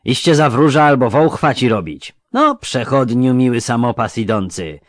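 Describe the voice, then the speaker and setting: A man voicing a lisping highway thug in an audiobook, speaking with a slight lisp and a sneer. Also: lively intonation, normal speed, no echo, studio quality, natural voice. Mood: menacing. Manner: sneering, menacing. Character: lisping armed male highway thug, mocking. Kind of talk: audiobook character voice.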